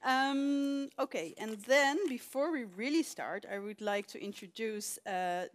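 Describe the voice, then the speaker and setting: A woman's voice: on the high side, unhurried. Chatty woman moderator in a lecture hall. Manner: chatty, with many fillers and small laughs. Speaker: event moderator. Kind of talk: live lecture introduction with audience questions.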